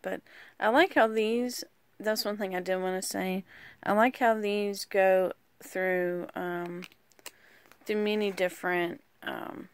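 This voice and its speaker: A woman casually walking through a deck of oracle cards, rambling and hesitant with lots of pauses. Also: medium pitch, fairly even intonation, clean tone, no echo. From rural United States. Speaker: vlogger. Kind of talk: casual card walkthrough.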